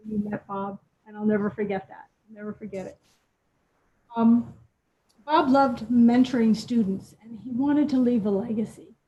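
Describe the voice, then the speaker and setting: A woman hosting a scholarship presentation, talking to an audience with fillers and repeats. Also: a little high. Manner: warm-up speaking with fillers and repeats. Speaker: scholarship program host. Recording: dull lo-fi sound with faint noise.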